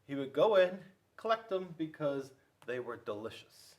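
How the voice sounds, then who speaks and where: Reading a picture book to kids, a man who works as a school officer speaks straight to them with playful questions. His mid-range voice swings widely in pitch at a normal speed, though the audio sounds dull.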